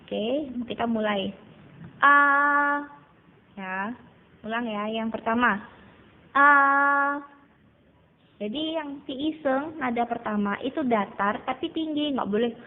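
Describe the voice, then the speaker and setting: A woman's voice: a little high, normal speed. A woman teaching a Mandarin class to children, patiently repeating vowel sounds to drill each tone. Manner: addresses students as children. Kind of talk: online class lesson. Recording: tinny phone-like recording.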